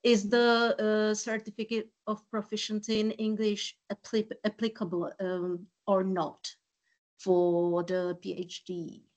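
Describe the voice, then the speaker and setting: A woman's voice: medium pitch, flat delivery, measured pace, a little mellow. A Czech woman speaking English with a Czech accent, a pediatric doctor asking polite, eager questions with small restarts. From Czech Republic.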